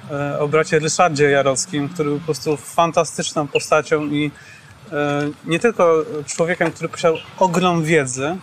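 Man in his 30s, slightly high voice, earnest, hesitant, outdoors, faint noise. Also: a bit bright. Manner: earnest, hesitant with fillers and repeats. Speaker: former student, now academic. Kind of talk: reminiscing interview. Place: outdoors on a campus lawn. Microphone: boom microphone.

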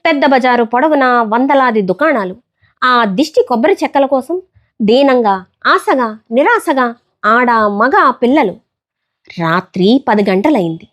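A woman narrating a story in an expressive, emphatic way. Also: fairly high pitch, a little slow.

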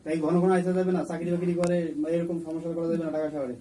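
A man with a regional Bangladeshi Bengali accent talks quickly in a fairly high, mellow voice. He is insistent and admonishing, circling back over his points in everyday speech. He sits away from the mic, with faint noise around him. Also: flat delivery, far from the mic. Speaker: exorcist questioning a possessing jinn. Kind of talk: colloquial spoken negotiation.

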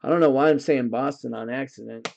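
A man's voice: mid-range voice, a little fast, creaky, darkish tone, lo-fi sound. A man hosting a livestream card break, casually reading out card names in lists and talking to his viewers.

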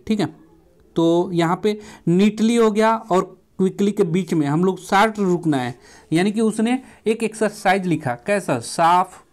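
A man's voice: on the high side, a little mellow. Man teaching a grammar class. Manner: repeats phrases, poses questions and answers them. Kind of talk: classroom lecture at a board.

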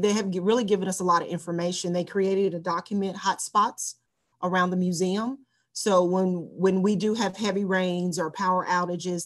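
A woman panelist on a video call, explaining in a plain, practical way. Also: fairly low pitch. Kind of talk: panel discussion.

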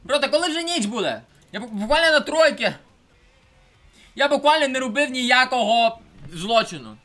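A young man giving casual let's-play commentary, swinging between mumbled asides and shouted outbursts. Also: very high voice, expressive, normal speed, soft background music. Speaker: gameplay streamer.

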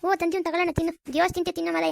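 A performer voicing an older village mother, fast and nagging in a cartoon. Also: extremely high pitch, level tone, vocal fry, noisy background, heavily acted. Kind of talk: cartoon voice acting.

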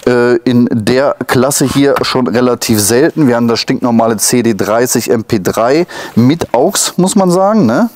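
Chatty Ruhr-accented car dealer. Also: male voice, mid-range voice, darkish tone. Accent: German, Ruhr area. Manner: chatty, frequent filler tags and asides to viewers. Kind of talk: casual car walkaround presentation. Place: car dealership showroom, partly inside a car. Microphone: lapel mic.

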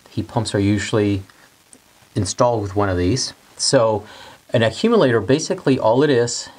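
A man in his forties with a lowish, slightly mellow voice works as an HVAC instructor. In a studio whiteboard lesson, he explains a technical topic step by step and repeats the key points.

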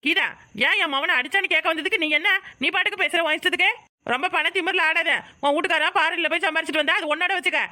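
A woman with a Kanyakumari Tamil accent voicing a loud, hot-tempered village mother in a cartoon, scolding and shouting. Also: very high voice, fairly even intonation, fast, dry recording, clean studio sound, full character voice. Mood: quarreling. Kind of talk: cartoon voice acting.

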